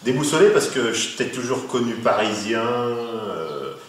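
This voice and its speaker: A man's voice: medium pitch, lively intonation, a little slow. A man playing a modest, wry investigator who talks hesitantly with many fillers, heard with a cathedral echo from some distance. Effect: cathedral echo, voice ringing from some distance in a vast hall. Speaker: investigator on a case. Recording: cathedral-like echo, off mic, faint noise.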